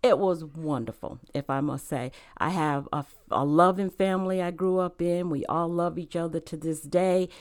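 A woman who grew up in Rhode Island, a church member and author, talks earnestly about her faith as a guest in a casual interview. Her fairly low, darkish voice moves at normal speed with hardly any pauses.

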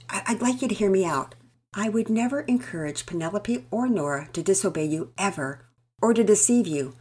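Lady doing a gentle mom voice, calm n polite, breathy. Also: mid-range voice. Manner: soft, polite, measured. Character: gentle, patient mother, calm under pressure.

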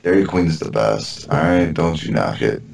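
Low-voiced man bantering over a tinny connection. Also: expressive, moderate pace, gravelly, darkish tone, echoey room, slight background noise. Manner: informal slangy speech with frequent swearing. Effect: thin, tinny, boxed-in remote call sound. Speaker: podcast co-host. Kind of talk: casual banter.

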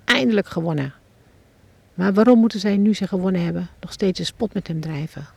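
A woman's voice: lowish voice, brisk, gravelly, darkish tone, slightly rough, no room sound. A woman who writes children's books tells a devotional story as if she is watching it happen, and keeps turning to the listener with questions. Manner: addresses the listener directly with questions, as if standing at the scene. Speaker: children's book author.

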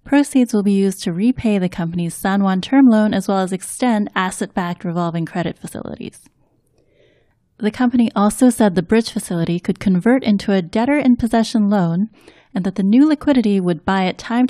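Mellow-voiced woman reading finance news. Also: mid-range voice, brisk, no echo, clean studio sound. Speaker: co-host and news reader.

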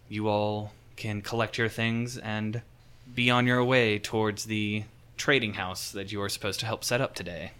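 A man's voice: on the low side, pushed and bright, clear, resonant tone. A man narrating a tabletop game as game master, setting scenes in a loose, casual way with fillers.

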